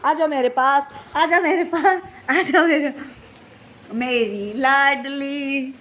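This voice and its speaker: A woman's voice: high-pitched, measured pace, a bit bright. A young woman, a mother, casually teasing and soothing her toddler at home, sometimes singing nursery rhymes, recorded on a phone camera. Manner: playful teasing, sing-song rhymes.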